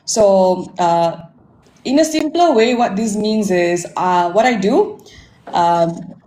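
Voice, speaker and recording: This interview guest, a forty-year-old woman with a Malaysian accent who works as a marketing technology consultant, talks slowly and expressively in a medium-pitched, dark voice. She gives an informal self-introduction and career account, addressing listeners with frequent "right?" tags, recorded in an echoey room with faint background noise.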